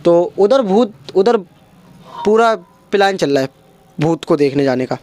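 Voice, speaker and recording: A man's voice: sits high, lively intonation, a little slow, a little mellow. A young man doing stand-up, telling a childhood story and acting out his friends' lines. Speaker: stand-up comedian.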